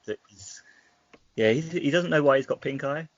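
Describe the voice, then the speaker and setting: A man co-hosting a casual podcast, recapping at length with restarts and often trailing off quietly. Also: fairly high pitch, normal speed, no echo. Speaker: podcast co-host. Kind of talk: casual chat. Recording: dull lo-fi with faint noise.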